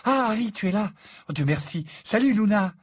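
A man voicing a clever, proud teenage girl who talks quickly, clipped and indignant. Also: a little high, slightly rough, no echo, pitched above the performer's own voice. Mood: brisk.

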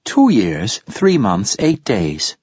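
A man voicing a calm, polite female android servant who speaks in a patient, precise way. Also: lowish voice, slow, breathy edge, no room sound, muffled recording, heavily acted.

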